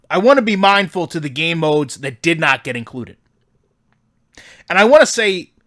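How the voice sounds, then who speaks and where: Man playing a bright-voiced corporate conference call host. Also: sits high, exaggerated voice. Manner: earnest, measured corporate politeness, emphatic. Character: smug corporate game executive hosting a staff conference call.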